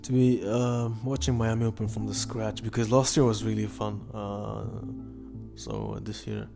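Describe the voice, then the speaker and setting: A man hosting a casual solo sports betting podcast in halting, hesitant speech, often stopping and repeating himself. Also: lowish voice, lively intonation, gravelly, over music. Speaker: podcast host.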